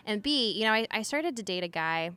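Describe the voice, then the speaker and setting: A woman in her thirties, a podcast guest, talking candidly and casually, with many filler words, frequent swearing and quick laughs. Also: medium pitch, lively intonation, bright, forceful tone, clear, resonant tone. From Utah. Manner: chatty, lots of "like" fillers and swearing, laughs often.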